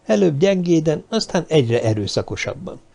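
A man calmly narrating a novel as an audiobook reader. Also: fairly high pitch, creaky. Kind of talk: scripted narration.

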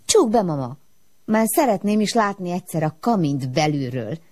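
A woman's voice: on the low side, sing-song, darkish tone, dry recording, clean studio sound. A woman voicing a cheeky little girl in a storybook, with a childlike, pleading way of talking. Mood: defiant.

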